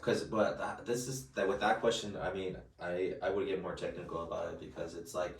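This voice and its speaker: A man in his late twenties talks in a low, deep register with a roomy, echoing sound. He rambles through his points with many restarts and fillers, heard from a mic set back from him. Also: fairly even intonation, brisk, gravelly, recorded from a distance. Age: late 20s. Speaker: podcast co-host. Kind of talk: casual chat.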